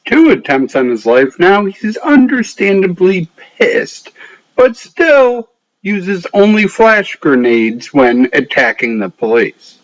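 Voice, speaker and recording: A man reviews a film in a sarcastic, profane, casual style. His voice sits a bit high, moves with lively pitch swings, and takes its time. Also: slow, no room sound, highs cut off. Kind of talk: casual comedic movie review narration.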